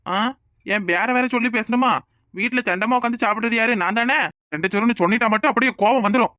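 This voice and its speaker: A man's voice: extremely high pitch, quick pace, bright, forceful tone, no room sound, clean studio sound. Man voicing a touchy, defiant young villager. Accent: Kanyakumari Tamil. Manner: defiant, indignant.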